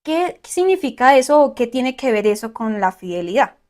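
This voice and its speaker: A woman teaching a Bible study, often checking in with her listeners and listing word meanings slowly. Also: fairly high pitch, sing-song, darkish tone. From Colombia.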